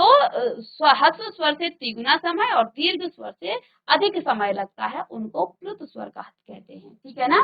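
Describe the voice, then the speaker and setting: A woman's voice: sits high, muffled recording. A woman teacher giving a virtual classroom lesson, explaining step by step and questioning her students.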